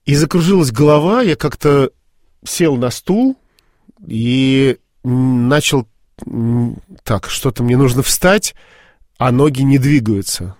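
A man as an interview guest, recounting a personal story with many pauses, fillers and restarts. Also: medium pitch, animated, darkish tone, no room sound, clean studio sound.

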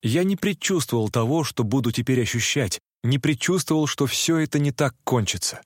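A man's voice: mid-range voice, animated, no echo. Man reading, dry and close. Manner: measured, reflective reading. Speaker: audiobook narrator. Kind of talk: first-person literary narration.

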